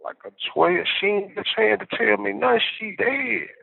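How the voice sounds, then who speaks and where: Guy on a jail payphone call, gravelly and kinda high, tinny phone line, talks slangy and loose. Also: moderate pace, a crowd in the background. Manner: slangy, mumbling casual talk. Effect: jailhouse payphone call. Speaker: inmate calling from jail.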